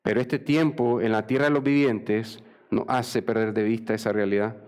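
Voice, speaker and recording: A man's voice: on the low side, steady tone, normal speed, darkish tone, smooth. Impassioned man preaching a sermon. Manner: impassioned preaching, acts out dialogue with God. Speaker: pastor.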